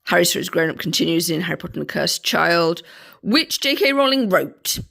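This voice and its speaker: A woman, croaky from a cold, casually reviewing a book in a chatty vlog with dismissive asides. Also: on the low side, animated, fairly quick, a bit bright.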